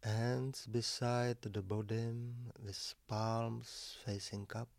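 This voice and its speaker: A man guiding a relaxation meditation, giving calm, measured instructions in short phrases with long pauses between them. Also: lowish voice, creaky, dry recording.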